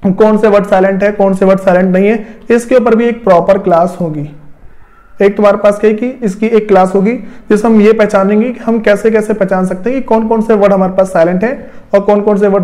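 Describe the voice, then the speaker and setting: A man's voice: high-pitched, a little mellow. A man teaching an English grammar lesson, explaining step by step and asking himself rhetorical questions as he writes on a board. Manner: repetitive, rhetorical questions to students.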